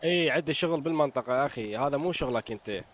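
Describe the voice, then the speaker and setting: A man's voice: medium pitch, racing, close to an everyday voice. A man with an Iraqi accent playing an arrogant member of parliament who talks dismissively and makes threats in a street confrontation skit.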